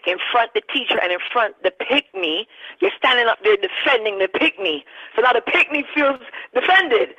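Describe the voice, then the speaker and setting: A woman in her thirties, a radio interview guest, making an animated, emphatic argument. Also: a little high, normal speed, husky. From Barbados. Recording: dull lo-fi sound.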